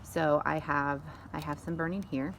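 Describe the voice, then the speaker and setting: A woman's voice: low-pitched, level tone, normal speed, gravelly, a bit bright, a little hiss or hum. A woman vlogging outdoors on a sunny day by a wood fire, giving a casual how-to demonstration in a chatty, rambling way full of tangents. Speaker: vlogger showing how to make lye.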